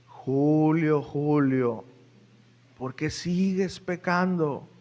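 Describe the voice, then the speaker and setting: A man voicing God calling from heaven, slow and grave, in a reverberant hall. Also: fairly high pitch, darkish tone, highs cut off. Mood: solemn.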